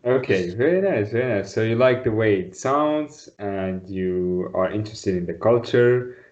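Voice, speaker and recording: Over dull video call audio, a Tunisian Arabic tutor works one-on-one with a student online, staying patient and encouraging and praising again and again. He speaks at normal speed in a lowish, animated voice that is a little mellow.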